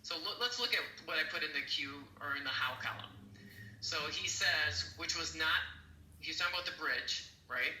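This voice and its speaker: Bright, emphatic male interpreting instructor. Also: fairly high pitch, normal speed, reverberant, a little hiss or hum, poor audio. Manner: animated, emphatic, acts out examples. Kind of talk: online class lecture.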